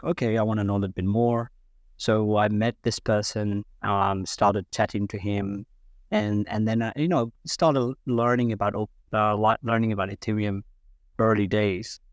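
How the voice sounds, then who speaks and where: A man's voice: fairly low pitch, no echo, studio quality. A man from Sri Lanka who is a podcast guest, answering casually with many ums and restarts. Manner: hesitant, many fillers and restarts.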